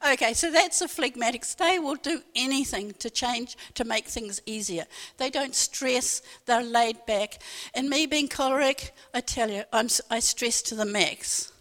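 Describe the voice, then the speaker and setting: A woman telling a humorous personal anecdote in a talk, a lively storyteller who acts out the dialogue. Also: a little high, unhurried, hardly any pauses, long reverb tail.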